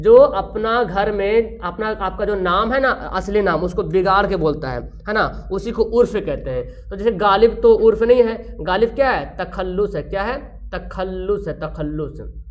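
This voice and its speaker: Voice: mid-range voice, expressive, normal speed. An online tutor, teaching a live grammar class. Asks questions and answers them, repeats key terms, and reads out viewers' names with praise.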